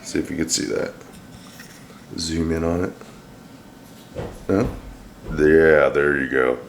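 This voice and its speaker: A deep-voiced man, slightly hoarse from a throat bug, chats slowly in his home kitchen for a casual cooking vlog. The vlogger and home cook jokes and rambles with dry, self-deprecating humor. The kitchen echoes and there is a faint hiss.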